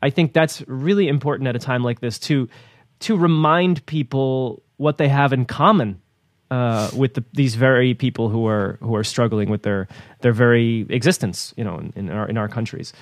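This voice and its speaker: A man's voice: medium pitch, moderate pace, no echo, studio quality. A man co-hosting a news talk program, rambling casually with repeated words and easy laughs.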